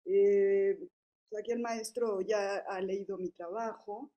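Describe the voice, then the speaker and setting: A woman's voice: mid-range voice, fairly even intonation, slow pace, mellow, dull audio. A woman in her fifties with a Mexican accent, speaking casually as a panelist at a forum, with many fillers and tag questions. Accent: Mexican Spanish. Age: 50s. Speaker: panelist at a public policy forum. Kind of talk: forum talk, conversational.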